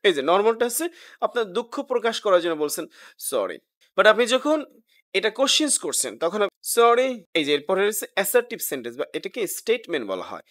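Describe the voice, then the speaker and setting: A man teaching spoken English, explaining in Bengali with English words mixed in and saying example sentences slowly with exaggerated rising and falling tones. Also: high voice, big pitch swings, fairly bright tone. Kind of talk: tutorial lesson with spoken examples.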